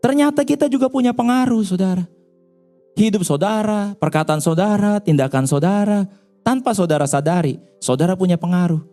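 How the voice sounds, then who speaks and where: A man's voice: high-pitched, a little fast, warm tone, soft background music. A male pastor preaching a sermon in a chatty storytelling way, often turning to speak straight to the congregation.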